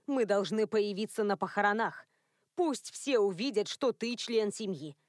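A woman voicing a prim, controlling elderly woman who is a werewolf grandmother, lecturing in a cold, even tone. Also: mid-range voice, normal speed, no room sound, clean studio sound, natural voice. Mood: stern.

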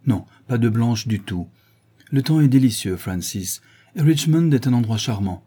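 A man voicing a cool, commanding young male dandy who gives orders briskly. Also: mid-range voice, animated, warm tone, slightly rough. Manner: commanding, urgent.

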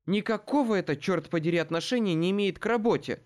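A hard-edged woman fires back at her family, sharp and indignant, her voice jumping high and lively, as a man reading a storybook puts her on. She sounds blunt and unyielding. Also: brisk, lightly acted. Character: tough, blunt woman, the elder daughter.

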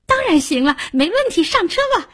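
A woman voicing a lively, friendly young woman who is easily charmed, in an eager, chatty manner in a storybook reading. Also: very high-pitched, a little fast, pitched above the performer's own voice, heavily acted.

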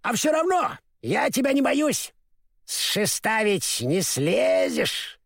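A man reading a storybook and voicing a hoarse, brash female crow who mocks the people she talks to. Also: high-pitched, very animated, slow pace, fairly bright tone, no room sound, studio quality, voice pushed up, full character voice. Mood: mocking. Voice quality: hoarse croak. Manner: mocking, brash. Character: cheeky scruffy crow, female, mocking.

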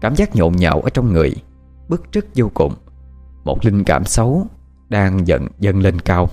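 A male horror storyteller with a low voice. He narrates in a lively, dramatic way, and his pitch moves freely up and down. Faint music plays underneath. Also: measured pace. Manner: expressive, dramatic pacing.

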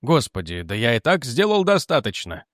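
Man doing weary gentle detective, quiet, measured, medium pitch, audiobook, dry sound. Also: huge pitch swings, no echo.

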